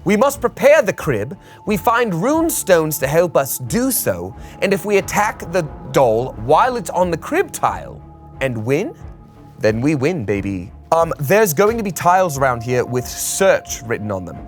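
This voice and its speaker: Lively man reading board game rules. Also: a little high, unhurried, soft background music. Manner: theatrical, lively rule-reading.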